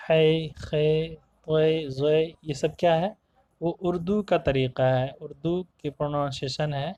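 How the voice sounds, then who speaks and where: A man's voice: a little high, no room sound, low-quality recording. Man teaching Quran recitation to children. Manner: explains each term, then repeats it slowly; sounds out single Arabic letters. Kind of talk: tajweed lesson for children.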